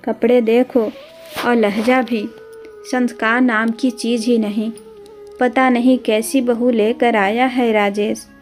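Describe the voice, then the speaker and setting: A woman's voice: a little high, flat delivery, takes it slowly, soft background music. A woman voicing a disapproving village woman gossiping in a scandalised tone.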